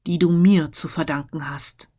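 A woman voicing the mournful ghost of a dead businessman, speaking solemn, slow warnings. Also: low-pitched, steady tone, dark tone.

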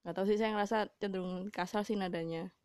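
A woman's voice: mid-range voice, fairly even intonation, quick pace, a little mellow, clean tone, dry recording, clean studio sound. A young woman from Java hosting a casual solo podcast, talking bluntly and chattily with frequent fillers and laughs. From Java, Indonesia. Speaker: podcast host.

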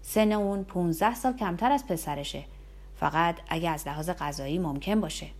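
A woman doing a genial elated older man. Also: lowish voice. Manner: warm, conciliatory.

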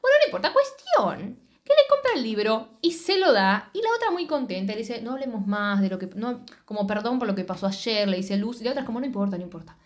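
A woman's voice: a little high, brisk. A young woman with a Rioplatense Spanish accent, co-hosting a podcast and retelling a series with lots of swearing and acted-out lines. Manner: animated, swears freely, acts out dialogue. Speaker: podcast co-host. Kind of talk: casual chat recapping a series.

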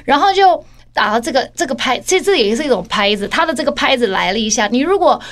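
Woman, 40s, from Taiwan, podcast co-host, high voice, fast animated storytelling. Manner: animated storytelling, mixes English phrases, lively laughing. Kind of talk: casual chat.

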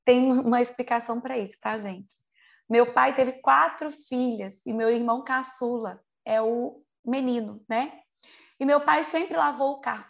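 A preacher in her forties with a Brazilian Portuguese accent delivers a conversational sermon, stretching key words for emphasis, slipping in quick chatty asides, and checking in with listeners through rhetorical questions. Her voice sits on the high side and is creaky, and the recording has its highs cut off.

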